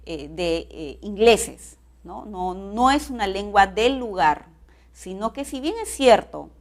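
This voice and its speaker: A woman's voice: medium pitch, lively intonation, takes it slowly. A woman teaching a recorded class, explaining step by step and often checking in with tag questions.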